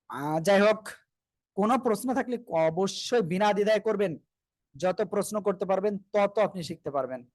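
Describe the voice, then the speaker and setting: Man, Quran recitation teacher, online class, high voice, dry close sound, patient drilling. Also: no echo.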